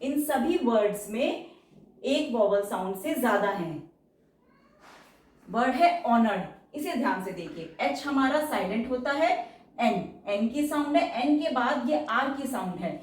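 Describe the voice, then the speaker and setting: A woman's voice: a little high, expressive, a little slow, heavy reverb, distant mic. A woman teaching shorthand in a patient, step-by-step tutorial, repeating each example word as she goes. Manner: patient, explains each stroke and repeats words.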